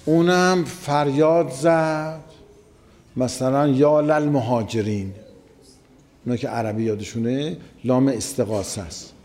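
A man's voice: mid-range voice, darkish tone. A man preaching a sermon, telling a story in a conversational way and repeating phrases for emphasis. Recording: long hall reverb.

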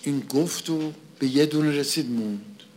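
A man's voice: on the high side, darkish tone, a little hiss or hum. A man preaching a conversational sermon, asking and answering his own questions and repeating phrases for emphasis.

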